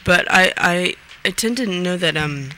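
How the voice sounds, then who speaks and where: A Finnish woman in her late twenties answers a radio host's questions in a casual interview, sounding hesitant with plenty of ums and restarts. Her voice is on the low side, pushed and bright, unhurried, with slight background noise.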